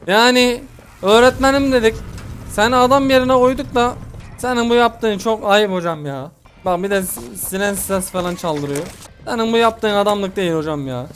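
Young guy gamer freaking out over a horror game, really high voice, bit of hiss behind. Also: moderate pace. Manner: panicky, exasperated, pleading and yelling at the enemy. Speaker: gaming YouTuber. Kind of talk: horror game let's play commentary.

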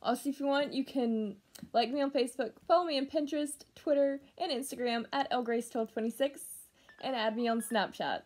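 Young woman with a somewhat high voice, casual home vlogger, halting delivery with sentences that trail off. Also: darkish tone. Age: young adult. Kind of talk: casual channel update to camera. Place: small room at home, indoors.

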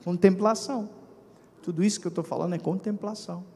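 Brazilian man, pastor, sermon, animated, high voice, long church reverb. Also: quick pace. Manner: animated, talks to congregation, acts out dialogue. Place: church hall.

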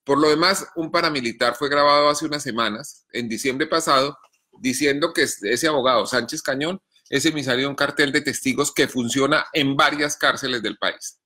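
A man, reading his news column in a measured, deliberate way, then answering viewer questions between coughing fits. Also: medium pitch, sharp tone. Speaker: journalist columnist.

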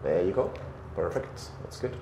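A deep-voiced, middle-aged flight instructor calmly coaches a pilot step by step inside an indoor flight simulator dome. He's patient and encouraging, pausing often and using fillers, and the recording sounds roomy with a background hum.

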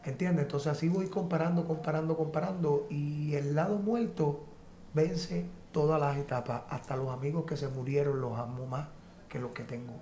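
A man's voice: on the high side, steady tone, normal speed, mellow, slight background noise. Emphatic man in a roomy studio. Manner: emphatic, repeats points, peppers with "brother" and "¿entiendes?". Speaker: guest artist. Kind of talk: casual interview chat.

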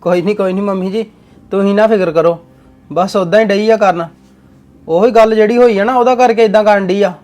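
A man's voice: sits high, fairly even intonation, fairly quick, darkish tone, soft background music, lightly acted. A young man with a Punjabi accent acting a bossy, commanding husband in a domestic drama. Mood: reassuring.

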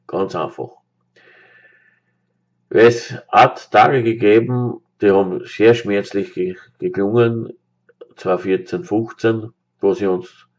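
Viennese man in his thirties, lowish voice, insistent fan rant, dull webcam sound. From Austria. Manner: emphatic, repeats points, many fillers. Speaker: football fan vlogger. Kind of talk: opinion monologue to camera. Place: small room indoors. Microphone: webcam close up.

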